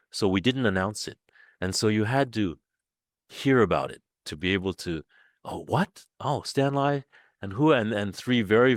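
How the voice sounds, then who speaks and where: An older man from Taiwan, a playwright guest in a relaxed interview, speaking thoughtfully with many repeated words and restarts. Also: fairly low pitch, no echo, clean studio sound.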